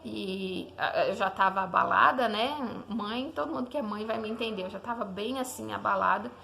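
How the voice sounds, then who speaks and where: A woman's voice: mid-range voice, moderate pace, creaky, bright, forceful tone, slight background noise. A young woman, a mother, telling the story of her newborn son as a casual faith testimony, talking to the listener and often asking "né?". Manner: conversational, often asks the listener "né?".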